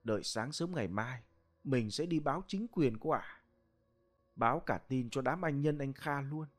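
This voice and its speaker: A man's voice: mid-range voice, animated, normal speed, faint music behind, close to an everyday voice. A man voicing a caring young niece who soothes her frightened aunt and plans what to do. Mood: soothing. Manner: soothing, practical.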